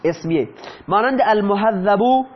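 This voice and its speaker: A high-pitched male teacher explains grammar step by step. He keeps posing questions to the class and answering them himself. The recording sounds dull and lo-fi. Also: expressive. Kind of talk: explaining lesson in Persian.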